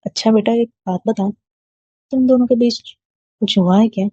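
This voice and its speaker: A woman reading a storybook voicing a patient, caring middle-aged father who speaks softly and reassuringly. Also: fairly high pitch, normal speed, breathy edge, no room sound, voice pushed up. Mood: gentle. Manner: soft, reassuring. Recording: dull lo-fi dry recording.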